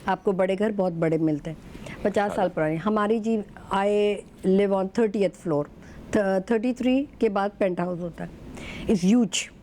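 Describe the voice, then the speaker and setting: A woman's voice: medium pitch, slight background noise. A woman speaking as a guest on a talk show, telling stories fluently and mixing Urdu with English. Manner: fluent mix of Urdu and English, animated storytelling. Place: TV studio.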